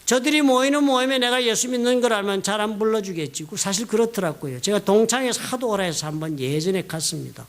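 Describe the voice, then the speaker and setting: A middle-aged man from South Korea, a pastor preaching a sermon in a church, telling personal stories with lively emphasis. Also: fast, few pauses. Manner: storytelling, animated, rising emphatic pitch, quoting others. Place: church sanctuary.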